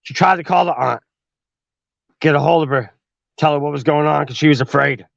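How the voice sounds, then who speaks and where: A man's voice: a little high, fairly quick, vocal fry, no echo, lo-fi sound. A man telling a horror story on his podcast in a profane, slangy way. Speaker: podcast host.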